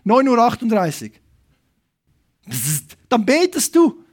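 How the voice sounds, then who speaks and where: A man preaching an evangelistic sermon, making emphatic appeals, asking the audience direct questions, and swinging between loud calls and quiet asides. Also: high voice, expressive, normal speed. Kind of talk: lively sermon to a congregation.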